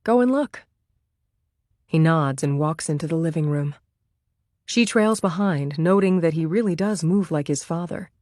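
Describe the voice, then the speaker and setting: A woman reading a thriller audiobook as its narrator, in calm, measured scripted narration. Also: sits low, no echo, studio quality.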